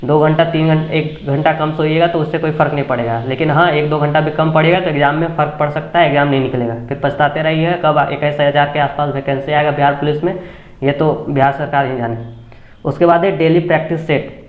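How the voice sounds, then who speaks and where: A man's voice: a little high, steady tone, quick pace. A man giving urgent, lecturing exam advice as the host of a coaching channel. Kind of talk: motivational exam tips talk. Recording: tinny phone-like sound, echoey room.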